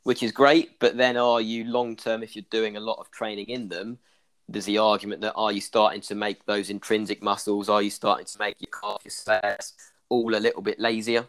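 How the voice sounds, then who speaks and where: A man with an Irish accent talks through running injuries as a clinician in a casual podcast discussion. His voice sits fairly low and stays quite flat in pitch. He leans on fillers like "kind of" as he explains. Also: moderate pace.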